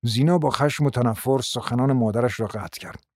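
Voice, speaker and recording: A man narrating a radio drama in a measured, literary way at an ordinary pitch. His voice is recorded dry and close, with no room echo. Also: darkish tone. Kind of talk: scripted narration.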